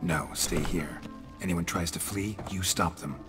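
A gruff, stoic monster hunter from a fantasy video game, speaking in clipped, flat sentences. The voice sits extremely low and rumbles. Game music plays behind him. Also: male voice, unhurried. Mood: terse. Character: gruff middle-aged male monster hunter, terse and stoic.

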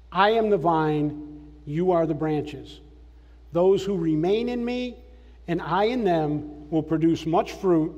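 This older man from Massachusetts sermonizes on a large church stage, his voice on the high side and the audio sounding dull. His testimony is personal, earnest, and plain. Long reverb fills the hall, with gentle music in the background.

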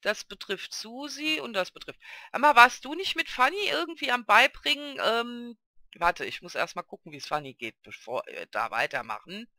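High, lively man chatting over gameplay. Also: moderate pace, dry recording, clean studio sound. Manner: chatty, talks fondly to the game characters. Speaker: Let's Play host. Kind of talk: casual gameplay commentary.

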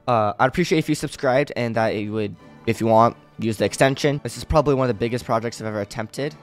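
A young man with a mid-pitched voice talks like a hyped gamer bro as he shows off his game setup. His commentary is casual and rambling, with music playing lightly underneath. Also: quick pace. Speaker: video creator demonstrating his own program.

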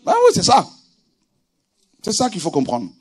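A man preaching a sermon with animated delivery, moving from quiet scripture reading to shouted exclamations. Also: sits high, moderate pace, breathy edge. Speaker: pastor.

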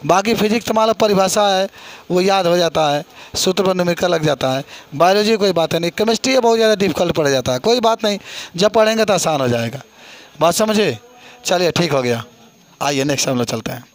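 A middle-aged male chemistry teacher speaks fairly quickly in an expressive voice that sits high. His accent is eastern Uttar Pradesh Hindi, and he quizzes the classroom, repeating students' answers to encourage them.

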